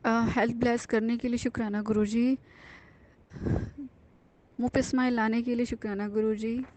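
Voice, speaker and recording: High, mellow-voiced woman giving earnest thanks. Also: level tone, normal speed. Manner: earnest, confiding, with frequent fillers and restarts. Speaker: devotee sharing a testimony. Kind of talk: personal devotional testimony, casual.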